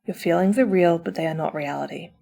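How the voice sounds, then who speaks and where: Her voice is fairly low, gravelly and dark, and she talks at a quick pace. She's a woman performing an audio roleplay as a supportive friend, delivering a chatty, informal pep talk to the listener with theatrical encouragement in a comforting scenario.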